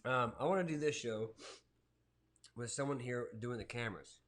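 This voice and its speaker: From his home kitchen, a man in his forties co-hosts a casual live-streamed cooking show, relaxed and chatty as he reads viewer comments aloud. His voice is medium-pitched and his pace normal.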